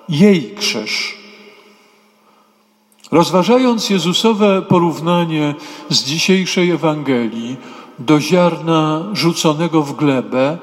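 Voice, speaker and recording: A man preaching a sermon in a church, speaking in short, measured, solemn phrases that sometimes lift into a half-chant. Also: a little high. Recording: long church reverb.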